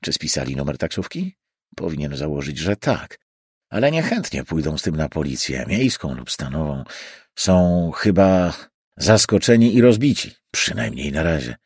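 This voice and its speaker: A man's voice: rumbling low, very animated, normal speed, darkish tone, slightly rough, no echo, clean studio sound. A man narrating an audiobook in a dramatic, varied reading. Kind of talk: scripted narration.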